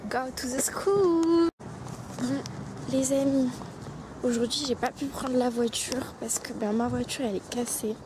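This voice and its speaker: A woman's voice: a little high, little pitch movement, moderate pace, noisy background. A young woman vlogging her day, chatting straight to her viewers and sometimes dropping to a whisper. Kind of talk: casual day-in-the-life vlog. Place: outdoors and at home, moving through the day.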